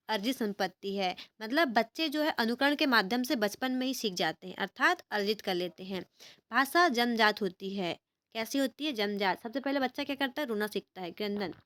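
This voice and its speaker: A woman's voice: fairly high pitch, fairly bright tone, no echo. A young woman teaching an exam-prep lesson, asking questions and answering them herself and repeating key words to help students remember.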